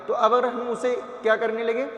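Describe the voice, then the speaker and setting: A man teaching Quran reading, slowly sounding out syllables one by one and asking his own questions. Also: very high voice, completely flat delivery, dull audio. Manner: drills letter sounds, repeats each syllable, asks and answers his own questions. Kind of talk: slow classroom recitation lesson. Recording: echoey roomy reverb.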